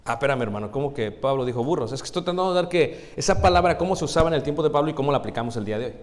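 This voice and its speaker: A man's voice: medium pitch, expressive, rapid-fire. A male preacher gives a folksy, conversational sermon, calling the congregation brothers and asking them questions. His mid-range voice rings out with a long reverb from the church hall. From Mexico. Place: church sanctuary.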